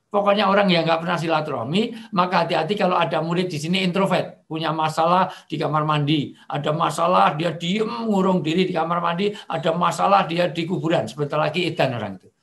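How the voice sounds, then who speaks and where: A middle-aged man preaching over a video call, lively and joking, now and then acting out angry shouting. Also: a little high, brisk. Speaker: Islamic preacher. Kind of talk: online religious talk.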